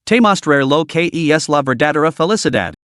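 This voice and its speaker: A man's voice: a little high, animated, normal speed, fairly bright tone, no echo, studio quality. A man voicing a confident young man in a storybook recap, speaking in a cool, self-assured way. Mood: smug.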